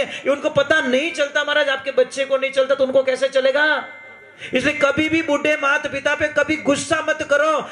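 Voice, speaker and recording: A man's voice: very high-pitched, a bit bright. A man telling a devotional story in a sermon, earnest and coaxing, addressing listeners directly. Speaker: preacher. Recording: echoey roomy hall.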